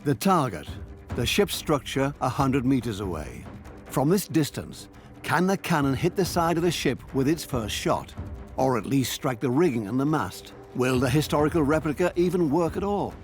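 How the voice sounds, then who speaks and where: A male documentary narrator reads a scripted account at a measured pace of phrasing, with a sense of drama. His voice sits at a middle pitch, over clearly audible music. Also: sing-song. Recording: prominent music bed.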